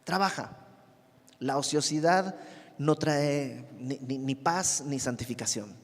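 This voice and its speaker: A man's voice: medium pitch, slow pace. Mexican man teaching Bible, reverberant. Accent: Mexican Spanish. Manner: conversational, asks the listener questions. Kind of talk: verse-by-verse Bible study.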